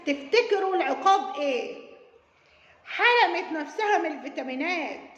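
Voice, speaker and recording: A woman's voice: very high-pitched, animated, normal speed, fairly bright tone, roomy sound, long reverb tail, lo-fi sound. A woman with an Egyptian Arabic accent giving mocking commentary on a viral video, sarcastic and scolding, laughing as she talks. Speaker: YouTube commentator.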